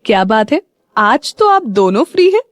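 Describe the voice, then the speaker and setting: Female narrator doing a cheerful young woman, playful, higher-pitched, dry close sound. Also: sing-song, normal speed, no room sound. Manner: bubbly and teasing, earnest when alone.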